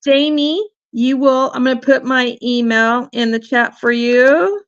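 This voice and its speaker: A woman hosts a casual livestream in a high, slightly slow, clear and resonant voice, and she is starting to lose it. She chats with lots of fillers and restarts. The audio is lo-fi with no room sound.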